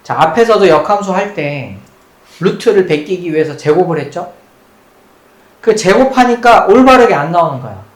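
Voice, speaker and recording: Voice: medium pitch, lively intonation, normal speed. A math teacher giving a recorded lecture at the board. The teacher repeats key points and quizzes the students, mixing polite and casual speech. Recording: roomy echo with faint background noise.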